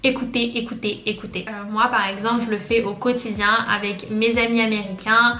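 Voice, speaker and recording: A woman's voice: fairly high pitch, level tone, a little fast, pushed and bright. A young woman vlogger giving casual tips in a chatty, friendly way, with lots of fillers. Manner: chatty, many fillers, friendly "les amis". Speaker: YouTuber giving English-learning tips. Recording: echoey room with faint music. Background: faint background music.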